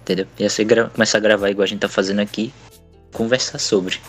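A man hosts a podcast in a loose, conversational way. He talks through advice and memories in a relaxed, easy tone. Faint music sits behind the talk. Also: lowish voice, fast. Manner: relaxed, chatty, advice-giving. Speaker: podcast host. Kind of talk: casual podcast chat.

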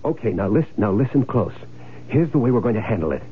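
A domineering, greedy husband plotting an insurance swindle barks impatient orders in this old radio drama, told as first-person noir narration. The actor's fairly low male voice is very animated, quick and swooping, with a commanding, scheming mood. Music plays behind the muffled vintage broadcast.

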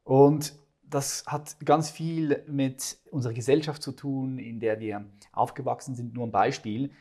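A man's voice: mid-range voice, steady tone, measured pace, mellow. A man hosting a casual talk, earnestly explaining ideas at length with frequent restarts. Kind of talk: casual conversation.

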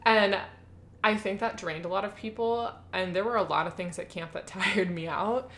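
A woman's voice: mid-range voice, normal speed, fairly bright tone. A young woman co-hosting a podcast, chatting casually, with lots of "like" and laughter. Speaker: podcast co-host. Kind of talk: casual chat.

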